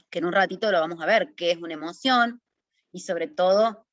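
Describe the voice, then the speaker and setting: A woman in her forties with a Córdoba accent from Argentina, giving an online webinar lesson on public speaking in a direct, lively way, often checking in with her listeners. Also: fairly low pitch, dry recording. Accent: Córdoba Argentine Spanish. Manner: lively, direct, addresses audience informally with questions. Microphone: video call. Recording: dull, dry webinar audio.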